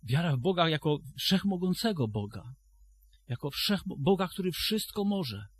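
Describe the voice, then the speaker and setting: A man's voice: a little high, sing-song, moderate pace, breathy edge. A man preaching a sermon to a congregation, retelling a story and then addressing his listeners directly, often restarting his phrases.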